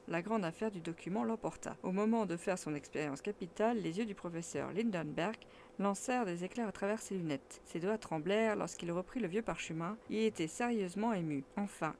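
A woman reading a classic novel aloud as an audiobook, with measured, expressive storytelling. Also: mid-range voice, a little hiss or hum. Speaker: audiobook reader.

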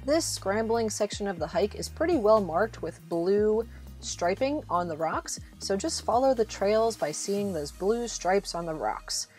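With background music underneath, a travel vlogger narrates a casual, encouraging instructional voice-over aimed right at the listener. She has a medium-pitched, darkish voice with lively intonation and speaks a little slowly.

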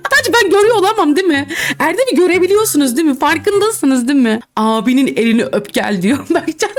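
Young woman, giggly teasing commentary, fairly high voice, faint music behind. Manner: giggly, teasing, reads chat lines aloud. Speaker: gaming YouTuber. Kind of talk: casual game commentary with role-play.

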